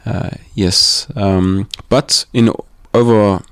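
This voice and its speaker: A man from Austria in his thirties, talking as an interview guest in a living room, reflective and hesitant, with many pauses and restarts. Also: fairly low pitch, fairly even intonation, a bit bright, clean tone, no echo, clean studio sound. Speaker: podcast guest. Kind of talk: casual interview talk.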